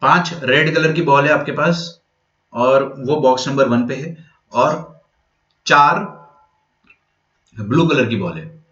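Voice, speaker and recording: A man's voice: medium pitch, slow pace, pauses often. A young man gives an exam-prep maths lecture, keeping it moving by asking questions and then answering them himself. He slips English phrases into his Hindi, and his voice sits in a middle register. The recording is roomy and somewhat dull, with a lo-fi edge. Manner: lively, asks and answers his own questions. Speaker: maths teacher. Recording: echoey room, dull lo-fi sound.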